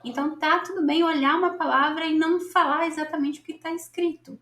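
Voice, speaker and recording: A Brazilian woman with a Brazilian Portuguese accent gives a casual English lesson. She is chatty and encouraging, and keeps checking in with her listeners. Her voice sits high and sounds roomy and echoey. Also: steady tone, fairly quick, a bit bright. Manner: chatty, encouraging, keeps asking "tudo bem?". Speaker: English teacher.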